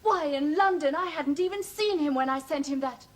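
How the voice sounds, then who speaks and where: A woman's voice: sits high, moderate pace, lightly acted. A woman playing a frightened young wife who pleads and protests anxiously in an old film drama.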